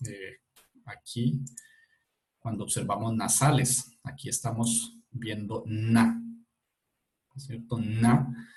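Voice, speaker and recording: A man teaching an online class at an even middle pitch, walking students through each point. He keeps checking that they follow along and stops often to correct himself mid-sentence. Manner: explanatory, often checking in with "¿cierto?" and "¿listo?"; halting, with frequent self-corrections and fillers. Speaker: university physics lecturer. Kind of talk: online lecture explaining speech acoustics.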